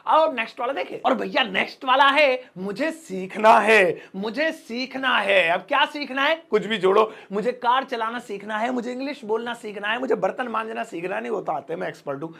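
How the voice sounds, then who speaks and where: A man teaching spoken in a casual Hindi lesson, joking and acting out little scenes, saying the phrases slowly. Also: very high-pitched, pushed and bright. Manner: playful, jokey, acts out little scenes; says English phrases slowly and clearly. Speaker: English teacher.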